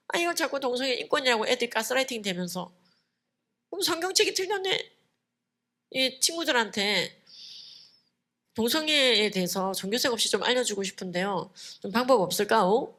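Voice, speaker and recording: A woman delivers a conference lecture to a church audience with a bright, forceful voice. She is emphatic and lively, and she drives her points home with storytelling and short affirming asides. Her pitch sits at an ordinary middle level.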